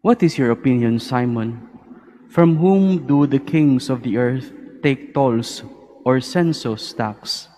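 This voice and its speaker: A man with a Filipino accent, a priest speaking in measured, solemn phrases at Mass, his voice echoing in a cathedral. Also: mid-range voice, mellow. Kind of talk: liturgical Gospel reading and homily. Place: large cathedral, over PA. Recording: echoey cathedral reverb with background noise.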